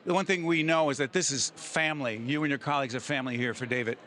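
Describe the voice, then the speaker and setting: A man's voice: mid-range voice, fast talker, a bit bright. A man from New Jersey interviewing on a red carpet in an emphatic, ceremonious way.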